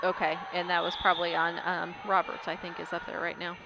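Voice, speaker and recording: A woman giving casual play-by-play commentary on a volleyball game, getting louder on big plays. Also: on the low side, completely flat delivery, a little fast, creaky. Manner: chatty, casual, rises loudly on big plays. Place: school gym during a game. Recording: loud crowd and gym noise.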